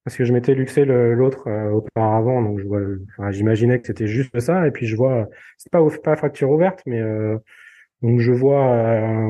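A man telling a personal story in casual conversation, halting and full of fillers and repeated words. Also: medium pitch, mellow. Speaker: podcast guest.

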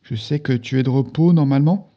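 A man voicing a gruff, pressed male boss who talks in a brisk and insistent way. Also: mid-range voice, muffled recording, close to an everyday voice.

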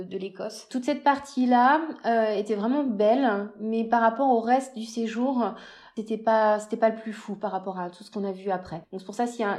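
A woman being interviewed, chatting casually about a trip, animated and full of hesitations and repeated words. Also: on the high side. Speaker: interview guest recounting a road trip.

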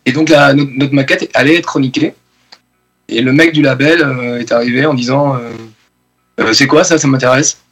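With a medium, slightly bright voice, fairly even intonation and a moderate pace, a Frenchman in his forties chats as a guest musician on a radio interview. He speaks loosely, with plenty of fillers and restarts, while faint music plays behind him.

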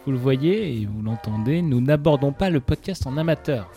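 Un homme qui co-anime un podcast humoristique, s'adressant aux auditeurs avec un sérieux feint. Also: male voice, mid-range voice, moderate pace, warm tone, soft background music. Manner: addresses listeners with mock seriousness. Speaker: podcast co-host. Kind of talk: comic sketch.

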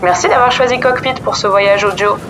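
A woman's voice: mid-range voice, brisk, background noise, close to an everyday voice. A woman in the role of a podcast host, playing an airline captain who makes a formal landing announcement to passengers, as a pilot would from the cockpit. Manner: formal cabin-announcement delivery.

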